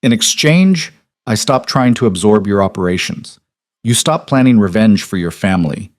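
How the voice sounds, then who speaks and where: A man's voice: fairly low pitch, animated, moderate pace, close to an everyday voice. A man voicing a cold male crime boss in his seventies, speaking in dry, clipped, commanding lines.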